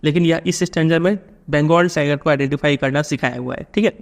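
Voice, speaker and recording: A man's voice: on the high side, fast talker. Indian male teacher explaining a poem. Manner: patient, keeps checking students follow.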